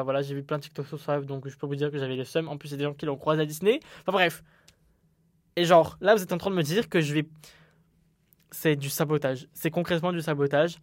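A man's voice: fairly high pitch, dry recording, studio quality. A young man hosting his own solo podcast, talking candidly and rambling with frequent restarts. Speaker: podcast host.

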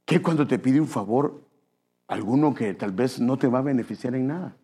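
A man's voice: medium pitch, moderate pace, mellow, breathy edge. A man preaching a sermon, chatty, asking his listeners questions and calling them brother. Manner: conversational, addresses listeners as brother, asks questions.

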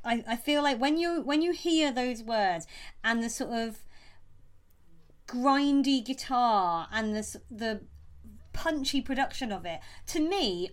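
A woman co-hosting a casual music podcast, talking enthusiastically into a close microphone. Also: fairly high pitch. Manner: enthusiastic, gushing, with restarts. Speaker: podcast co-host.

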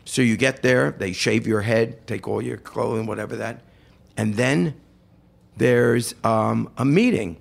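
A man's voice: medium pitch, measured pace, gravelly. An older man from New York, hosting and telling a long personal story with quoted voices. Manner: animated anecdote with quoted voices. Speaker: host.

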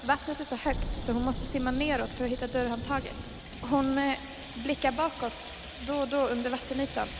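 A woman's voice: sits high, steady tone, long reverb tail, background noise. A woman improvising a horror story, narrating with suspense and building tension.

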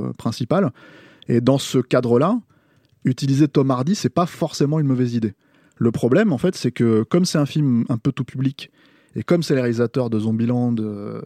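A man with a warm, mellow voice talks through a film review in casual podcast chat. He restarts his sentences often and hesitates as he searches for words. The sound is close and dry, with no room around it. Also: medium pitch, no echo. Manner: halting, frequent restarts and hesitations.

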